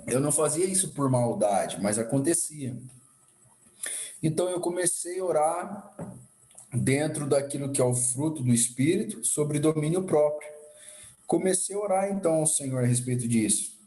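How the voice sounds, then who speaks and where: A man leading a church discipleship class, talking through his own story in a loose, reflective, conversational manner. His voice sits a bit high for a man. The sound carries a roomy echo. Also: expressive, moderate pace, warm tone. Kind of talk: personal testimony while teaching.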